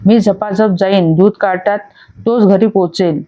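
A woman's voice: mid-range voice, a little slow, mellow, dull audio, natural voice. Woman reading as a fearless stubborn village man. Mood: dismissive. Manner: dismissive, self-assured.

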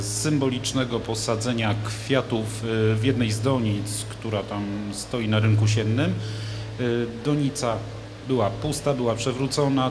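Holding a handmade handheld microphone, a studio guest in his thirties talks casually about a local event, full of fillers and restarts. His voice is mid-range, and the large TV studio with a glass roof has a noisy background.

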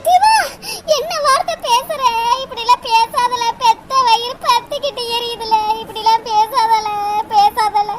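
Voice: very high-pitched, steady tone, normal speed, few pauses, over loud music. A voice actor playing a worried village mother who scolds and pleads with her son, with a Tirunelveli Tamil accent. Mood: distressed. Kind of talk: amateur cartoon voice acting.

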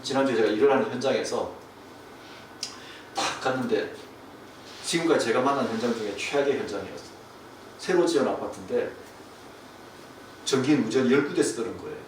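A man, a pastor, preaching a sermon and telling a story, falling to a hush and then rising again. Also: medium pitch. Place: church sanctuary. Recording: distant, echoey room with faint hiss.

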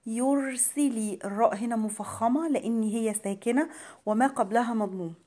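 Egyptian lady teaching quran recitation, slightly high soft mellow voice, chants slow then explains fast and patient. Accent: Egyptian Arabic. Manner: patient, drawn-out chanted verses, then brisk colloquial explanations. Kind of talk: tajweed lesson, slow chanted recitation between quick explanations.

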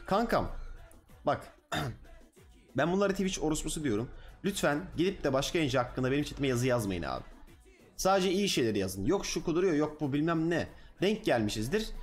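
Blunt slangy male streamer. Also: a little high. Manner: blunt, slangy, addressing chat directly. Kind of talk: casual livestream chat.

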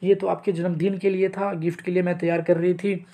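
A man's voice: high voice, little pitch movement, fairly quick, warm tone. A man voicing a frightened little girl, pleading in a raised voice and repeating himself.

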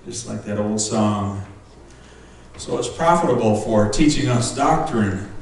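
A man preaching a lively, joking sermon as pastor, acting out how his congregation answers him. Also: lowish voice, a little slow, vocal fry. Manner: lively, jokey preaching that acts out congregation responses. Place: church sanctuary. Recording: very echoey room, distant mic, faint noise.

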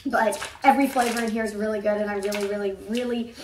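A woman's voice: medium pitch, level tone, quick pace, background noise. A young woman chatting casually through a snack unboxing, bubbly and repeating "really" for emphasis. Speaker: vlogger. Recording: echoey room, a bit far from the mic.

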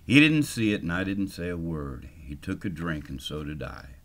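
An older man telling a first-person story in a dry, unhurried yarn-spinning way. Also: deep voice, sing-song.

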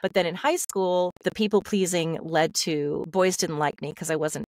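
On a video call from a room at home, a middle-aged woman who works as a voice actor tells her life story as a guest, open and confessional, with many fillers and restarts. Her fairly low, slightly mellow voice moves at normal speed, recorded on a studio mic on a stand with no room sound.

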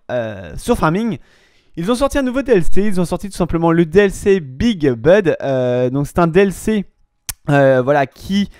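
A man's voice: fairly high pitch, darkish tone, dry recording, clean studio sound. A young man hosting a casual web radio show in French, rambling with many hesitations and restarts and promising to get back to topics later. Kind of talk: casual solo radio-style chat.

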